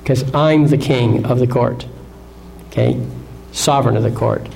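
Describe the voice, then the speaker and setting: A man's voice: medium pitch, steady tone, unhurried, vocal fry, darkish tone, a little hiss or hum, low-quality recording. A man lecturing an audience in an assertive way, often asking rhetorical questions and checking in with "Okay?". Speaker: seminar speaker.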